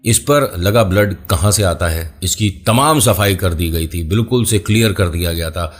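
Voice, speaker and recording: A man's voice: low-pitched, moderate pace. A man hosting a casual horror storytelling show, chatting straight to the listener with playful asides. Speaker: storyteller and channel host.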